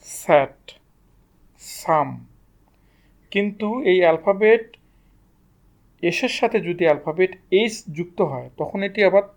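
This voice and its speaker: A man teaching English pronunciation to students, asking questions and answering them himself. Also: high-pitched. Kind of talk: explaining lesson to students.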